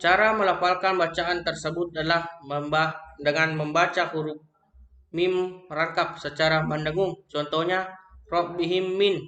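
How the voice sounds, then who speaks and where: A young man with an Indonesian accent reads a lesson on recitation rules aloud, slowly and haltingly, often restarting words. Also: fairly high pitch, fairly even intonation, sharp tone, highs cut off. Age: young adult. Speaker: student presenting an assignment. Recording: echoey room.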